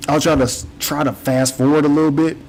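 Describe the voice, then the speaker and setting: A man's voice: on the high side, flat delivery, fast, a little mellow, slight background noise, poor audio. A man hosting a casual podcast chat, rambling and repeating himself, yawning and a little tired. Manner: rambling, repeats words, frequent "you know what I'm saying". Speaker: podcast host.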